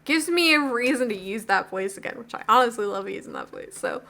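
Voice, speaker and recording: A woman's voice: fairly high pitch, lively intonation, a little fast, creaky, sharp tone. A woman hosting a video game playthrough, reading dialogue aloud expressively with playful asides and commentary. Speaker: video game let's-play host.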